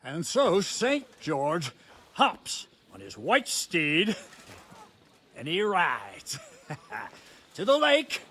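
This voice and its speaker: A man's voice: on the high side, extremely slow, long pauses, husky, exaggerated voice. An actor voicing a brash, foul-mouthed young nobleman in a video game, mocking and crude. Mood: boisterous. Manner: lively storyteller, mocking and crude.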